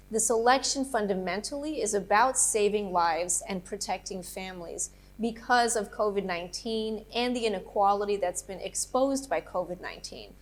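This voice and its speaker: With a mid-range voice, this political candidate, a middle-aged woman from Colombia, responds to interviewers in a steady, sincere manner centered on policy.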